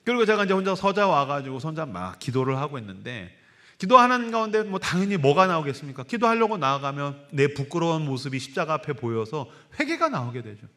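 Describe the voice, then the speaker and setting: Animated, bright-voiced male pastor. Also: on the high side, fast talker. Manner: animated storytelling with acted voices. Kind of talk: sermon. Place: church sanctuary.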